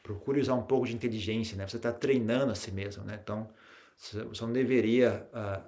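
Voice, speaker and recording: Calm Brazilian monk giving a Dharma talk. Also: male voice, lowish voice, fast talker. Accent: Brazilian Portuguese. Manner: calm, tag questions, frequent restarts; grows animated when telling anecdotes. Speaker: Buddhist monk teacher.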